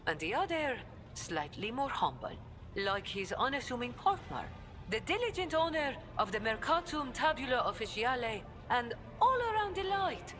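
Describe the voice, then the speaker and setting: A flattering trade agent in a video game, all ornate compliments and theatrical turns. Her pitch swings widely through each grand phrase, with game music clearly playing behind her.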